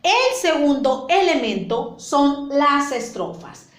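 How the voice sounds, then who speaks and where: High, lively, echoey Mexican teacher. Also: female voice, slow pace. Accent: Mexican Spanish. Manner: patient, explains step by step, repeats points with diminutives. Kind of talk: classroom lesson for children.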